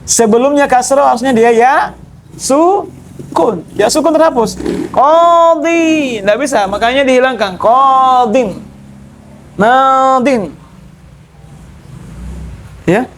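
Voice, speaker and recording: A man's voice: very high-pitched, slow, pauses often, slight background noise. A man teaching a classroom grammar lesson, explaining step by step and often checking that his students understand. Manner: explains step by step, repeating key terms. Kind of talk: classroom lecture.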